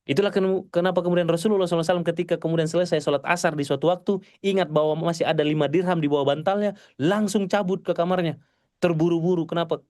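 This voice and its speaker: A male preacher giving a mosque sermon to a congregation, animated and pleading, swinging between loud exclamations and soft murmurs. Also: fairly high pitch, no room sound, studio quality.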